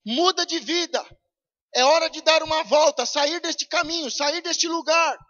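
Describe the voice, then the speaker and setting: Pastor, male, são paulo brazilian accent, high-pitched, fiery sermon, shouts then drops low, dull lo-fi church recording. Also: measured pace. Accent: Brazilian Portuguese, São Paulo. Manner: shouting urgent pleas, then dropping to low intense tones. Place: church service.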